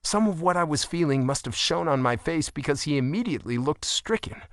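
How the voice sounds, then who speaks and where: A man reading a first-person romance audiobook with expressive, wry delivery. His pitch moves freely and lively through the lines. The studio sound is dry and close. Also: brisk, no echo. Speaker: audiobook narrator.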